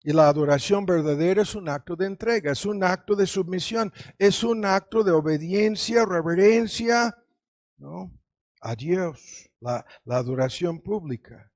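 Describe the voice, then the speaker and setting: Slow, emphatic preaching man. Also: expressive, darkish tone, no room sound, clean studio sound. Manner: repeats a rhetorical "¿no?" often; rising to emphatic high phrases and dropping low. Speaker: pastor. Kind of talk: sermon.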